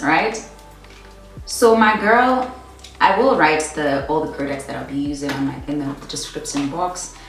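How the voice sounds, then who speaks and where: A young adult woman with a Botswana accent and a low voice chats casually and tells stories while doing her makeup, saying "like" and "my girl" constantly. The beauty vlogger is in a small indoor bedroom, recorded on a distant mic with heavy reverb.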